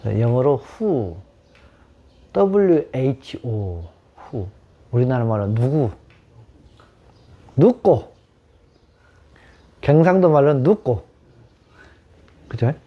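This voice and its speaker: Male teacher, questions his audience, animated delivery, warm breathy tone, muffled recording. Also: medium pitch, takes it slowly. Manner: questions the audience, repeats key words. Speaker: meditation teacher. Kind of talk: Buddhist dharma talk. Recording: dull lo-fi sound.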